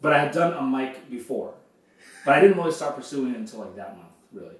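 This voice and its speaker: Relaxed man in a roomy echo. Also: mid-range voice, fast talker. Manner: relaxed, swears casually. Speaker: podcast co-host. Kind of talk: casual podcast chat. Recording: echoey room, far from mic.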